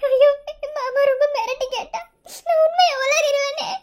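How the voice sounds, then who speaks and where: A tearful young woman in a cartoon, crying and stammering through her words. Her voice sits very high and thin. A performer voices her. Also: unhurried. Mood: panicked, sobbing. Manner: stammering, sobbing. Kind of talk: cartoon voice acting.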